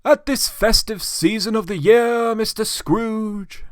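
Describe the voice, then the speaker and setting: A man's voice: high-pitched, takes it slowly, no echo, studio quality, pitched above the performer's own voice. A man voicing a portly, polite charity collector, speaking formally and earnestly in a storybook reading.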